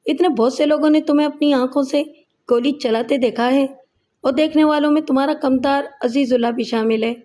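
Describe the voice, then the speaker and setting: A gruff, scornful male police inspector who barks orders and scolds his suspect in a storybook reading, as a woman narrator puts him on. His voice sits high and mellow, and every line comes out commanding. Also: fairly even intonation, natural voice. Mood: stern.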